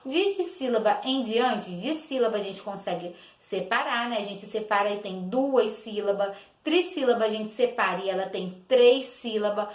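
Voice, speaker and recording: A woman teacher gives a patient children's lesson, clapping out each syllable slowly and repeating words. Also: mid-range voice. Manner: slow, clapping out each syllable, many diminutives. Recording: echoey room.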